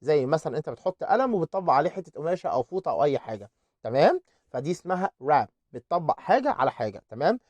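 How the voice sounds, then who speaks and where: A man with an Egyptian Arabic accent teaching an online English lesson, repeating words slowly to drill their pronunciation. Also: a little high, very animated, darkish tone, dry recording.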